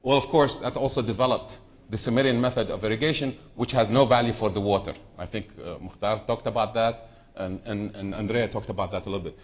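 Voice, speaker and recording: A middle-aged man from southern Iraq gives an unscripted talk on a conference panel. His voice sits a little low, and he drifts into side stories and often repeats words as he restarts. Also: fairly quick. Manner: unscripted, digressive, frequent restarts. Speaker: panel speaker.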